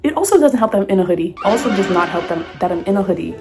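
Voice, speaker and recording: A woman's voice: medium pitch, animated, rapid-fire. A young adult woman, tipsy and loosely rambling, chatting casually as a beauty vlogger through a makeup tutorial. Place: basement at home. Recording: music playing behind the voice. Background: music.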